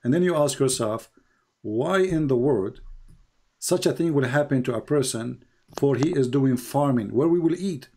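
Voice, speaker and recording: A man whose first language is Arabic hosts a show and debates a caller, speaking at normal speed in a mellow voice. He is emphatic, repeating phrases for stress, and his voice rises high when he presses questions.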